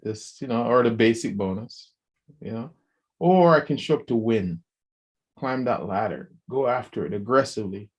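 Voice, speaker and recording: A man co-hosting a podcast, talking in a casual, animated way, often restarting and repeating words and acting out quoted speech. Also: mid-range voice, moderate pace. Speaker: podcast co-host.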